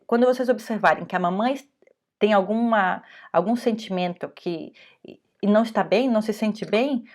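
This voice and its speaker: Middle-aged Brazilian woman, parenting course instructor, halting explanatory delivery with frequent check-ins. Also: fairly high pitch. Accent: Brazilian Portuguese. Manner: halting, many restarts and checking "ok?". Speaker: educator leading a parenting course. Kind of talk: online lesson, explaining to parents.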